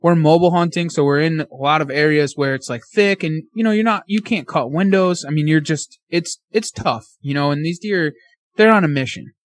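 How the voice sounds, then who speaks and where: A man guesting on a podcast, excitedly telling a casual story full of fillers and slang. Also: a little high, a little fast, dry recording.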